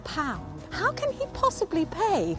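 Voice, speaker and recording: A woman's voice: very high voice, huge pitch swings, a little slow, music in the background. A woman antiques expert chatting casually on television, teasing and exclaiming. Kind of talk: casual banter.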